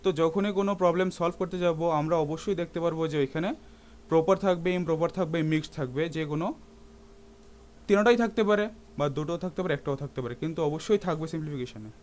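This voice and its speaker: A man's voice: a little high, fast talker, darkish tone. A man teaching a math lesson in a classroom-lecture style, often asking his students rhetorical questions and slipping English terms into his speech.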